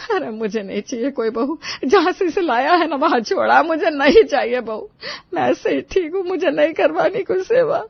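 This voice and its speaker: A woman's voice: high-pitched, animated, normal speed, gravelly, no room sound. A woman voicing a whiny, dramatic elderly mother-in-law in a cartoon, wailing and complaining. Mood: tearful. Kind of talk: cartoon voice acting. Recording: dull dry studio voice-over.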